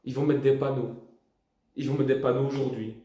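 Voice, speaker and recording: A man's voice: mid-range voice, brisk. Slangy young man ranting in an echoey room. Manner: animated, slangy, exasperated ranting. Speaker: vlogger. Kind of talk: comic storytime rant.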